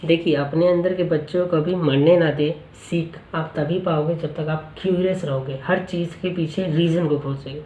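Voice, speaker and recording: A male teacher explaining a spoken-English lesson in Hindi, asking the class rhetorical questions and repeating each word slowly for pronunciation practice. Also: on the high side, fairly even intonation, mellow, reverberant, a little hiss or hum, low-quality recording.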